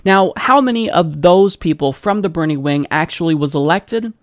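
Higher-voiced American man, sardonic podcast host. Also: animated, moderate pace, no room sound, clean studio sound. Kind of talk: political commentary, partly scripted.

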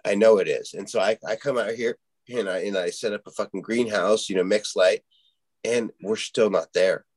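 Deep-voiced man rambling on a podcast. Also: fairly even intonation, normal speed. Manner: rambling, many fillers and restarts, swears casually. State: hiccups. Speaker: podcast host. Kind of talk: casual podcast chat.

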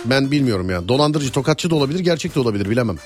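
Fast, animated male radio host over music. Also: medium pitch. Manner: animated, teasing, rambling conversational delivery. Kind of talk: casual radio chat, reading out listener messages. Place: radio studio. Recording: music bed behind the voice.

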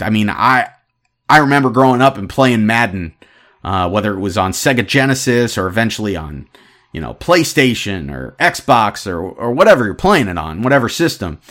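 A man in his thirties giving opinionated sports commentary as a podcast host, ranting in an animated, exasperated way. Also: fairly low pitch. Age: 30s.

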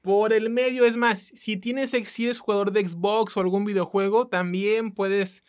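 A woman's voice: mid-range voice, steady tone, measured pace, darkish tone. A woman from Mexico with a coastal accent, co-hosting a casual podcast in a colloquial, chatty way that speaks straight to listeners. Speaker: podcast co-host.

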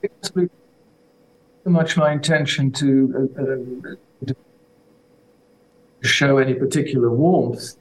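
A man, a guest author, answering radio interview questions in a hesitant, halting way over a remote line that sounds like an echoing tunnel. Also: medium pitch, fairly even intonation. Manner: hesitant, halting, restarts words. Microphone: remote connection into a radio studio.

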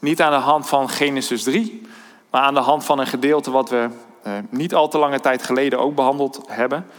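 A man preaching a sermon, thoughtful and hesitant, often pausing on fillers and restarting his sentences. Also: mid-range voice, fairly even intonation. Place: church hall. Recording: long church-hall reverb.

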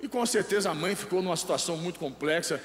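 A Brazilian man preaches in a high voice, quizzing his congregation and leaving gaps for them to fill in. His voice rings through a large church hall with a long echo. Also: lively intonation, quick pace. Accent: Brazilian Portuguese. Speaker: pastor. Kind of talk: live sermon.

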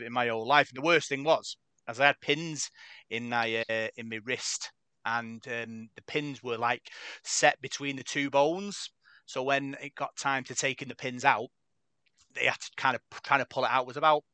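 A man's voice: medium pitch, pushed and bright, clear, resonant tone, no echo. A young man hosting a casual podcast, chatting and telling stories in a chatty, self-deprecating way. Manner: chatty, tells anecdotes with self-deprecating laughs. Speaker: podcast host reading the news.

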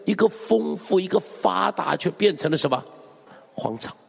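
A man's voice: high voice, expressive, normal speed, vocal fry, husky, big-room sound. A male pastor preaching a sermon, emphatic and full of rhetorical questions to the congregation. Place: church hall.

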